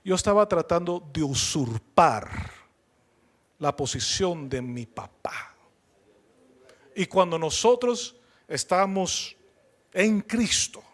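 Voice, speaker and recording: A male pastor preaching a sermon, calling out to the congregation for responses and slipping in joking asides. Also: high-pitched.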